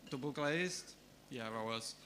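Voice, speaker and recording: A man doing deadpan stand-up, pausing and hesitating between lines. His voice sits at a middle pitch. Room noise comes through clearly behind him. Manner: deadpan, hesitant delivery with fillers. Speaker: stand-up comedian. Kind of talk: stand-up comedy. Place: comedy club stage.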